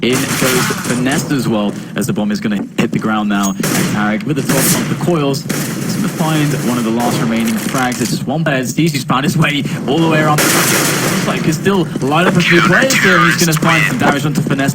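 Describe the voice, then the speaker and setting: A man's voice: mid-range voice, brisk, heavy background noise. A man giving live play-by-play as an esports caster, his delivery rising with the action, over game sounds. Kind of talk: live play-by-play commentary of a shooter match. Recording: loud game audio, gunfire behind voice. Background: game gunfire and effects.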